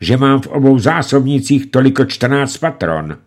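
A man's voice: mid-range voice, voice pushed up, close to an everyday voice. Bill, a mock-polite young gunman, voiced by a man. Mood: coolly polite. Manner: mock-courteous, calm.

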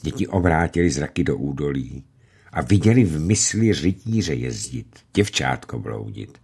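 Male narrator for a children's storybook, husky, deep. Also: animated. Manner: warm, storytelling address to children.

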